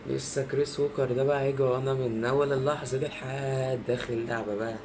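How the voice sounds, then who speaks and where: Egyptian male gamer, chatty horror let's-play host, quick delivery, game noise behind him. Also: medium pitch, flat delivery. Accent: Egyptian Arabic. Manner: chatty, addresses viewers often. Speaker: gaming video host. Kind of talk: casual horror game commentary.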